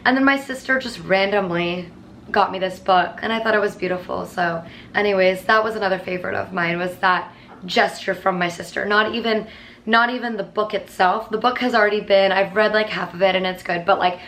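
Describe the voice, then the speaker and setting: A woman's voice: medium pitch, fairly quick, fairly bright tone, a little hiss or hum. Chatty woman vlogging, full of fillers. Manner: chatty, filler-heavy, earnest. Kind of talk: casual monthly favorites chat.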